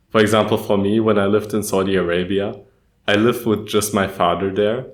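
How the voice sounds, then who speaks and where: A young man from Germany with a lowish voice, co-hosting a casual podcast. He talks in a measured, earnest way. The room around him sounds echoey. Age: young adult. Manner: measured, earnest, says "quite frankly" often. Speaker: podcast co-host.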